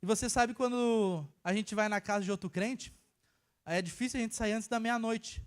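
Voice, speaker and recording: A young man from preaching a casual sermon, telling a personal story and swinging between hushed and emphatic delivery. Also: high-pitched, normal speed, clear, resonant tone. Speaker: church worker preaching.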